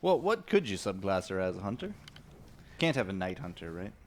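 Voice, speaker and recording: A young man calls a live esports match with a lively, swooping voice that leaps up when he is surprised. He is excitable and quick to laugh, and he chats with viewers between plays. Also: low voice, slight background noise. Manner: excitable, laughing, talks to chat. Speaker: esports caster. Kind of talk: live game commentary.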